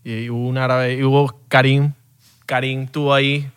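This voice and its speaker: A young man co-hosting a podcast, teasing his friend in casual, drawn-out banter. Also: mid-range voice, little pitch movement, clear, resonant tone. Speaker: podcast co-host. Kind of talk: casual chat.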